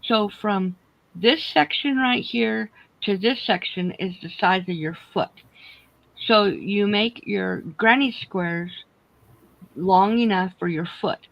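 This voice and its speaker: A woman hosts a casual livestream in a creaky, mid-pitched voice, chatting loosely without her teeth in. The sound is close and dry, a little lo-fi and muffled. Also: slow pace, no room sound. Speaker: host of a crochet chat livestream.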